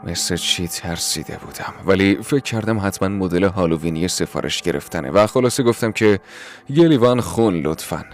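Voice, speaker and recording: Male horror narrator, very deep voice, steady suspenseful telling. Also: few pauses. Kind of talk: first-person horror story narration.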